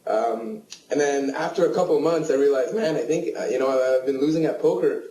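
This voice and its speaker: A man's voice: medium pitch, brisk, dark tone, roomy sound, slight background noise, rough recording. A Canadian man, a poker player guest, telling his story frankly and plainly. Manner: frank, storytelling with self-deprecating asides. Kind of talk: casual interview answers.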